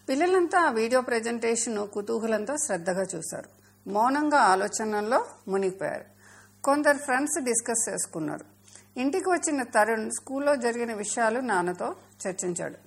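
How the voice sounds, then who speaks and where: A woman narrating a children's story in a measured, expressive way. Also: a little high, creaky, breathy edge.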